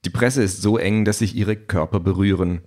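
Man reading an audiobook, low voice. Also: fairly even intonation, normal speed, a little mellow. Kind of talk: audiobook narration.

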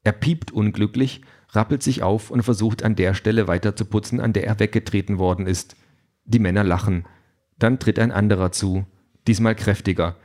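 A man's voice: lowish voice, fairly even intonation, moderate pace, darkish tone. A man narrating an audiobook in a dry, wry storytelling manner. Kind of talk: scripted narration.

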